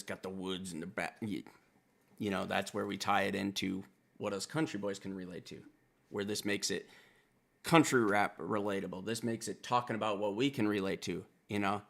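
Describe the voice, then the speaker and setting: Gravelly low-voiced country guy. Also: normal speed. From Wisconsin. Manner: animated, profane, self-styled country boy breaking down lyrics. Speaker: music reaction reviewer. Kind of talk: casual reaction commentary.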